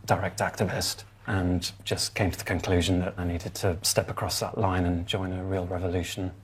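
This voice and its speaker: A young man from the United Kingdom, a former volunteer fighter, talking in a documentary interview in a quiet, halting and reflective way. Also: sits low, flat delivery, a little hiss or hum.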